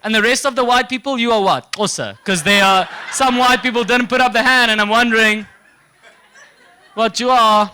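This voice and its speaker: A man's voice: very high-pitched, normal speed, clean tone. A young man from South Africa with an Afrikaans accent, doing a stand-up comedy set and dropping into mocking voices for the people in his stories. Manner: animated, slips into mocking voices for characters.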